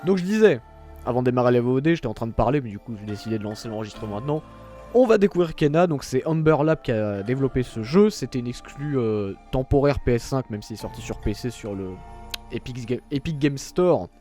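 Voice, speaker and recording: A man's voice: mid-range voice, animated, quick pace, dark tone, faint music behind. A man streaming a video game, chatting casually and reading menus and game text aloud, with self-mocking asides. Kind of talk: casual gameplay commentary.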